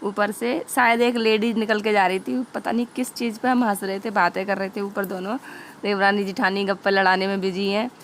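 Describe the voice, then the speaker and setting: A woman's voice: mid-range voice, level tone, brisk, a little hiss or hum. A young adult woman chatting homely and directly to viewers as she narrates a casual home vlog. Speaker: vlogger.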